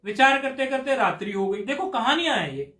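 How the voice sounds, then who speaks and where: High-voiced man teaching grammar. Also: sing-song, sharp tone. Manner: drawn-out chanting of sutras, coaxing questions to students. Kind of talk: classroom lecture explaining a grammar rule. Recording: echoey room.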